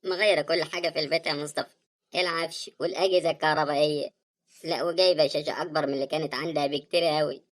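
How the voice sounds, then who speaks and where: A woman voicing a grieving sister in an animated drama, speaking Egyptian Arabic in a tearful, reproachful way. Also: low voice, natural voice. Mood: sad, upset. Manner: tearful, reproachful, fast talking. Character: grieving woman, hurt and bitter over her dead brother.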